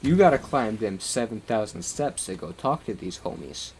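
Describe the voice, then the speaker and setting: A man's voice: lowish voice, animated, normal speed, vocal fry, slight background noise. A man chatting casually on a live stream, rambling and swearing as he recaps a game, laughing often.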